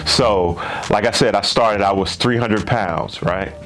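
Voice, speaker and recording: A gaming channel host in his fifties chats casually to his viewers, repeating himself and ending lines with questions. His voice is on the low side and fairly bright, and he takes his time.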